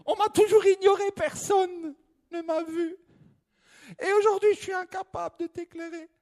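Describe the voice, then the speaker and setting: A man voicing a small, neglected female warming candle who speaks in a soft, plaintive, high voice in a sermon parable. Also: fairly even intonation, moderate pace. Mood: sorrowful.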